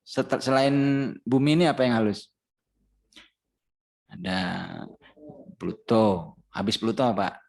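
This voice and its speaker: A man's voice: on the low side, slow pace, vocal fry, pauses often, a little mellow. A man with a Banjar Indonesian accent teaching a Ramadan Quran recitation class. He patiently chants verses as examples and quizzes his students.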